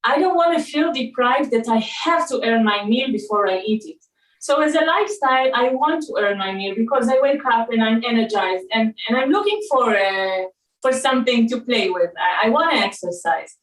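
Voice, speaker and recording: A woman in her forties from Israel with an Israeli accent, a raw food consultant talking as a guest in a casual interview, pausing often with uh and um. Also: a little high, lively intonation, low-quality recording. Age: 40s. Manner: hesitant, many uh and um fillers.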